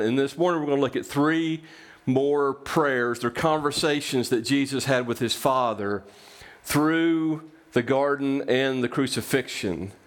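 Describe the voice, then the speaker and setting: A man preaching a sermon as pastor, earnest and repetitive, building phrases one on another. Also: medium pitch.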